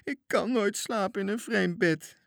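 A man's voice: sits high, unhurried, vocal fry, fairly bright tone, no room sound, clean studio sound, pitched above the performer's own voice, full character voice. A whimpering frightened little boy. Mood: wailing. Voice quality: whining, wailing.

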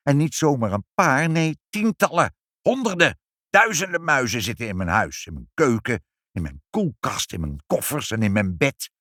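A man's voice: lowish voice, very animated, moderate pace, breathy edge, no room sound, studio quality. Een man die een verwaande, zeurderige stadsopzichter speelt in een voorgelezen kinderverhaal. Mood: self-important complaining. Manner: pompous, whiny and indignant. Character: fussy pompous male city official.

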